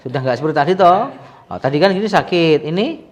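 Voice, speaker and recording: A male sports massage therapist with a fairly high voice and lively intonation talks quickly to viewers while treating a patient. He's chatty and full of sympathetic exclamations, switching between coaxing the patient and explaining things to the audience.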